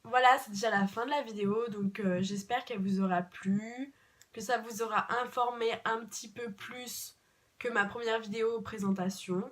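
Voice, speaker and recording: A chatty young woman from France talks straight to her camera in a casual question-and-answer vlog, her voice sitting a little high. She piles up repeated words for emphasis and keeps things light and informal. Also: fairly even intonation, moderate pace, fairly bright tone. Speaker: vlogger. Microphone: camera mic.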